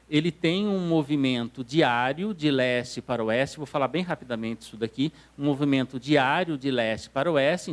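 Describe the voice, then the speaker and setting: A man with a Brazilian Portuguese accent teaching an astronomy class, explaining step by step and checking that the audience follows. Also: medium pitch. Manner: explanatory, checks understanding with "tá certo?". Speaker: astronomy lecturer. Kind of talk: classroom lecture. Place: council hall lecture room.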